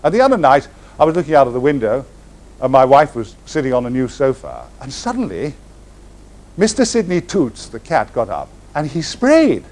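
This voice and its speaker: Grand wording and lavish vocabulary mark this male raconteur's theatrical anecdote, delivered on stage to an audience. His voice swings abruptly in pitch, lively and swooping, punctuated by pauses for comic effect.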